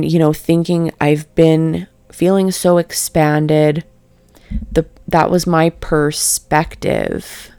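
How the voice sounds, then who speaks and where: A woman giving a reflective spiritual talk in a calm, near monotone voice, halting and searching for words with many fillers. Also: sits low, clean tone, dry recording. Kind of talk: reflective spoken meditation talk.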